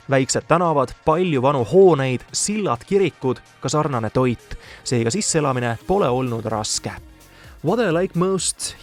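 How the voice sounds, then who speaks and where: Calm Estonian radio host. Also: male voice, on the high side. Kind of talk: radio interview and translation.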